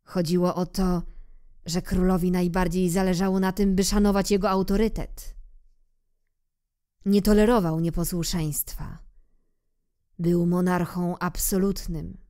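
A woman narrating a children's storybook in a calm, unhurried reading voice. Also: on the low side. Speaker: audiobook reader.

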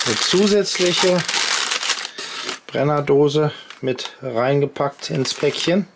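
A man in his fifties, host of an outdoor gear channel, talks viewers through each step at his home workshop workbench in a relaxed vlog. His voice is fairly high and creaky, his pace slow, with background noise present.

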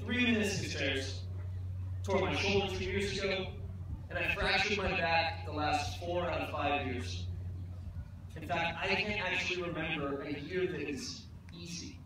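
A man's voice: high voice, sharp tone. A young man giving a graduation speech from a podium on an outdoor stage, earnest with self-deprecating jokes. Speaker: commencement speaker. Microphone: podium mic, filmed from far off. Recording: echoey PA sound from far off, noisy.

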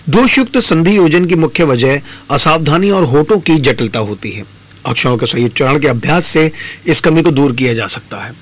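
Man giving a measured pronunciation lesson. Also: a little high, fairly bright tone. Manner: measured, explanatory, stresses example words. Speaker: campus radio presenter. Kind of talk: instructional talk on pronunciation.

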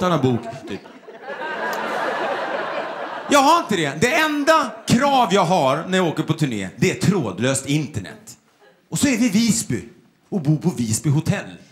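A man performing a stand-up comedy routine on stage, telling stories and mimicking people in quick bursts, with audience laughter behind him. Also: on the high side. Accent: Swedish. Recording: live show with loud crowd.

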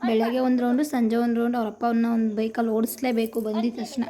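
A woman's voice: on the high side, little pitch movement, fast, crowd noise. Chatty Kannada woman cooking at home. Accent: Kannada, Karnataka. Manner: chatty, homely, repeats phrases. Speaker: vlogger. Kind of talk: casual cooking vlog narration. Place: home kitchen.

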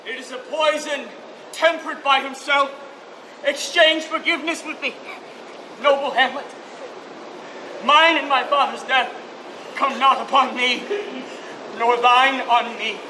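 A man's voice: very high voice, fairly even intonation, unhurried, long pauses, pushed and bright, exaggerated voice. A man playing a remorseful dying young swordsman in outdoor Shakespeare, declaiming in broken phrases. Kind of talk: outdoor Shakespeare stage acting. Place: open-air plaza stage at night. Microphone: far camera. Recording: noisy outdoor stage, distant camera, audience ambience.

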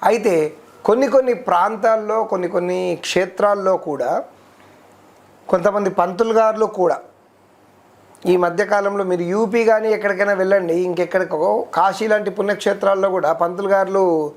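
A man, a devotional guest explaining worship rules in a steady, teacherly way, listing terms one by one. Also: high voice, moderate pace. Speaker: devotional guest speaker on ritual. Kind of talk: explanatory interview talk.

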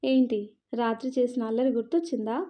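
A woman's voice: on the high side, flat delivery, fairly quick, dark tone, natural voice. A woman reading a tender, teasing young husband.

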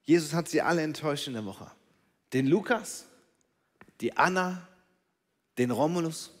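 A man's voice: on the high side, normal speed. Dramatic male preacher in a reverberant hall. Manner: dramatic, swings from loud calls to hushed whispers. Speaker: pastor. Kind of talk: sermon. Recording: long reverb of a large hall.

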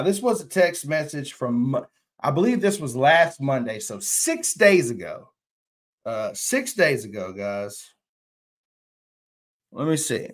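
A Texan fishing channel host with a medium-pitched, fairly bright voice casually runs a live stream from a small indoor room with a plain wall. Chatty and drawling, he reads viewer comments aloud.

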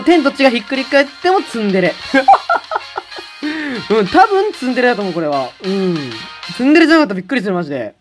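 A woman streaming a game in casual commentary, loud and laughing a lot, with rough boyish talk. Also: sits high.

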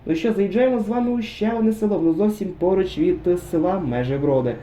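A man's voice: high-pitched, fast talker, warm tone. A man giving casual, chatty commentary over a driving game, musing aloud and talking straight to his viewers. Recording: roomy echo.

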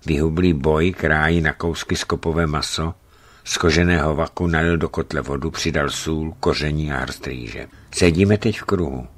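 A man reading a travel book aloud in calm storytelling narration. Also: rumbling low. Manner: calm storytelling, lifts his voice for quoted speech.

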